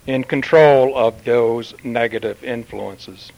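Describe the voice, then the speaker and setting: A man channeling a solemn male Martian commander who addresses Earth in formal, measured pronouncements with long pauses. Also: mid-range voice, gravelly, lo-fi sound. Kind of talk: channeled spiritual message.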